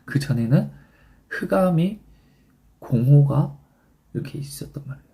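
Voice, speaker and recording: A middle-aged male pastor giving a sermon, animated, quoting scripture and urging his congregation. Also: moderate pace, gravelly. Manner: animated preaching with wide pitch swings, quoting scripture.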